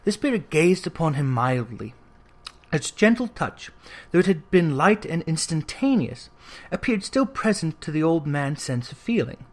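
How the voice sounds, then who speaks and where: Here a man narrates an audiobook of classic fiction in a slightly high voice, taking a literary storytelling approach with measured, expressive delivery.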